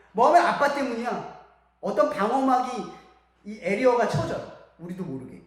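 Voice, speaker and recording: Young woman preacher, lively sermon with lots of questions to the room, heavy church-hall echo. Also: medium pitch. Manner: animated, asks the audience many rhetorical questions. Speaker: preacher at a school church service.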